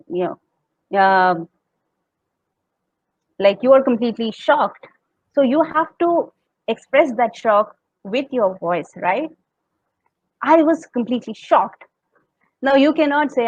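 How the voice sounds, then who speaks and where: A woman's voice: a little high, no room sound, highs cut off. A woman with an Indian accent, teaching a talk on public speaking. She explains step by step and acts out tones as examples. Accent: Indian English. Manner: explains step by step, demonstrates tones and laughs often.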